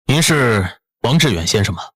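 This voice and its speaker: A male inspector carrying out an arrest. His mid-pitched voice sounds formal and official, with no warmth. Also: sing-song, normal speed, husky. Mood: stern.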